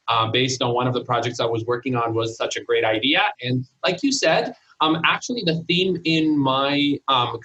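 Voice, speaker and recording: In a casual interview, a guest entrepreneur from Italy, a native Italian speaker, talks in Italian-accented English, pausing thoughtfully and hesitating with lots of fillers. He has a mid-range, fairly bright voice, and the audio is dull.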